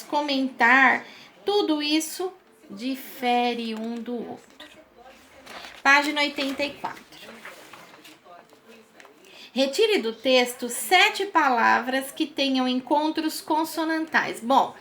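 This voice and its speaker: A woman teacher talks children through their homework exercises, taking her time and using soft diminutives. Her voice sits high and sounds bright and clear. She speaks slowly and patiently. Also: a little hiss or hum. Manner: patient and slow, with many diminutives.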